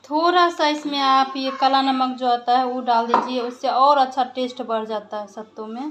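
Background noise runs behind a high-pitched woman speaking at an ordinary pace and a steady tone. She's a vlogger chatting casually to a phone held at arm's length, turning to talk with her children in between. The setting is indoors, in her home kitchen and bedrooms.

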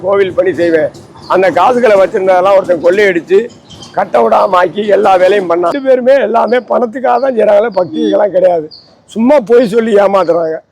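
High-voiced holy man preaching. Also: poor audio. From Tamil Nadu. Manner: preachy, rambling, aggrieved. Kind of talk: impassioned interview monologue. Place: outdoors under a tree.

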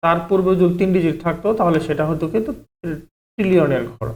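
Man teaching math, fairly high voice. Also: quick pace, darkish tone. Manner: explains step by step, asks and answers his own questions, repeats "ঠিক আছে". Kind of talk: online math lesson.

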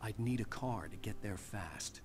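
An actor voicing a male writer hero in a video game, narrating calmly and dryly. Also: fairly low pitch, a little slow, noisy background. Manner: calm, dry narration.

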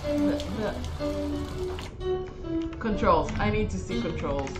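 A woman's voice: mid-range voice, huge pitch swings, takes it slowly. A woman whose first language is Hebrew, playful and teasing as she joins a co-op video game. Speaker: gamer, host's wife. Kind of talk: casual let's-play chat. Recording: roomy, game music behind.

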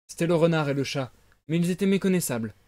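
Lecteur masculin de conte, narration posée, son sec et proche. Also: male voice, on the high side, lively intonation, fast talker, darkish tone, no echo. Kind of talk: lecture de conte en direct.

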